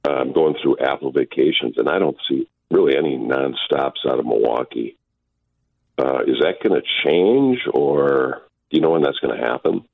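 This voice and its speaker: A man's voice: a bass voice, lively intonation, normal speed, creaky, no room sound. A male caller phoning in to a radio show over the phone, asking the hosts a question in a polite, slightly hesitant way. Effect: heard over the phone. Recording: tinny phone line.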